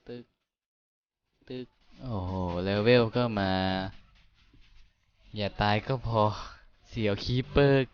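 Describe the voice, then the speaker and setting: A man's voice: medium pitch, slow pace, long pauses, clean tone, highs cut off. A young man giving casual, jokey commentary as he plays a video game, talking to himself and swearing now and then. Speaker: gamer. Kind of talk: casual let's-play commentary. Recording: music playing under the voice.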